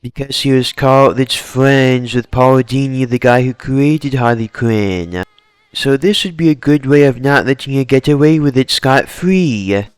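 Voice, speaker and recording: A man casually pitching fan story ideas in long, rambling run-on sentences. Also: unhurried, smooth, no echo.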